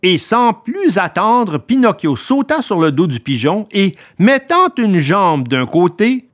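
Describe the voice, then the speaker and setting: A woman narrating a storybook reading in an expressive, animated way. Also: medium pitch, slow pace.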